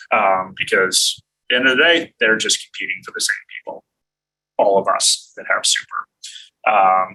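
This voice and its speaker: An American man hosts a casual money-themed live stream, answering viewer questions. His voice is low, very bright and a bit husky, and he speaks in a relaxed way, thinking aloud with ums and uhs. He sits back from the mic, so the recording sounds distant and low in quality.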